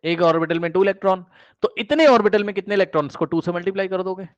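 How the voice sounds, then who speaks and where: A man's voice: high-pitched, rapid-fire, dry recording, muffled recording. A male chemistry teacher giving an exam-prep lecture, repeating his questions to students and working through each step.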